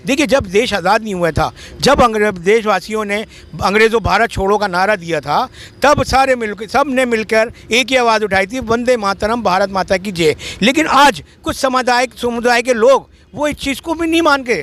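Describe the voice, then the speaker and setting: A man with a strikingly high voice argues his point hard in a heated street debate. He pushes insistently and keeps firing the same questions back at his opponent. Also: normal speed, fairly bright tone. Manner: insistent, argumentative, repeats questions.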